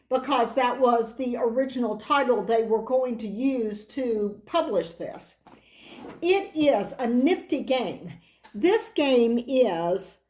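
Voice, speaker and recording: A hoarse middle-aged woman hosts a board game channel, chatting casually and rambling with lots of side remarks. Her voice is a little high with a darkish tone, and the recording has a roomy echo.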